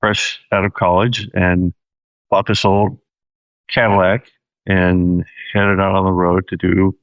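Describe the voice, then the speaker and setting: A man from Washington State, a documentary filmmaker telling his story in a relaxed, steady interview manner. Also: deep voice, slow pace, clear, resonant tone, dry recording, muffled recording. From Washington State, USA.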